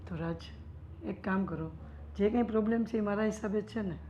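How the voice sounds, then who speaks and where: A woman acting as a wife who gently offers to leave home so her husband is spared gossip. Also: medium pitch, brisk, lightly acted. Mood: gentle. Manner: soft, self-blaming, gentle. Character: older wife who feels she burdens her young husband. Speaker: wife in a family drama. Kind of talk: Gujarati short-film acting. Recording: dull lo-fi sound with faint noise.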